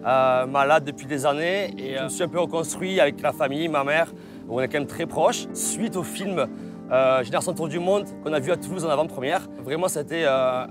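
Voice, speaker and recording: A man in his thirties from southern France, speaking earnestly in a documentary interview. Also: fairly high pitch. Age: 30s.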